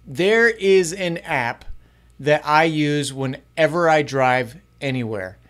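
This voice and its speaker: A middle-aged youth ministry podcast host runs through a casual tutorial vlog in a small home studio, close to a front-facing mic. He's upbeat and chatty, varying his pace, and his fairly high, fairly bright voice generally takes it slowly.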